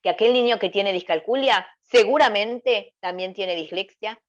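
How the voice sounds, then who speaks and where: A woman's voice: mid-range voice, moderate pace. A woman presenting an educational webinar. She asks questions aloud and answers them herself, checking in with her listeners as she explains. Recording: dull lo-fi webinar audio.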